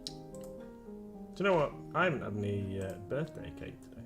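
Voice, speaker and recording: A man hosts a casual home live stream, talking in a halting, self-deprecating way full of ums and restarts. Soft music plays faintly behind him. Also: lowish voice, sing-song. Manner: hesitant, self-deprecating, many fillers. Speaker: live-stream host painting miniatures. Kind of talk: casual chat.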